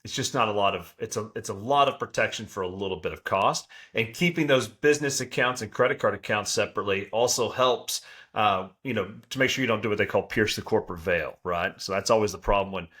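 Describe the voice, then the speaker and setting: A man's voice: on the low side, quick pace, fairly bright tone. Conversational man explaining things plainly. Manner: conversational, explanatory, often checking in with "right?". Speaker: podcast co-host, accountant. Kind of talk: casual advice talk.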